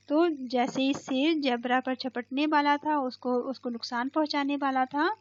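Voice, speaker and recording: Woman teacher, high voice, unhurried, dull lo-fi recording, explains English lines in Hindi. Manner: reads English lines slowly, then explains in Hindi, often adds "ठीक है". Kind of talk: school lesson explained in Hindi.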